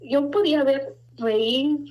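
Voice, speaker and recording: A middle-aged woman giving an earnest, halting personal testimony of faith and fear, her voice rising as she recalls her fears. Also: sits high, darkish tone. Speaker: guest giving a religious testimony. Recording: dull lo-fi sound.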